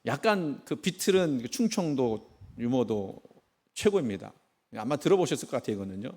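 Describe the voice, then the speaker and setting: Man, middle-aged, pastor, sermon, humorous, animated pitch. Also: normal speed. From Chungcheong, Korea. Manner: humorous storytelling, asks the congregation questions. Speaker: senior pastor. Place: church sanctuary.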